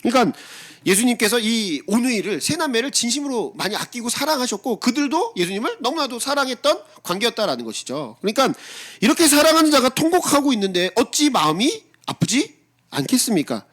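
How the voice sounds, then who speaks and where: Middle-aged pastor guy preaching, pretty high voice, swings up and down a lot, chatty, keeps asking the church questions. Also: sing-song, fairly bright tone. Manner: conversational preaching with rhetorical questions to the congregation; acts out his own blunt replies in quick asides. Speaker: senior pastor. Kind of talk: sermon.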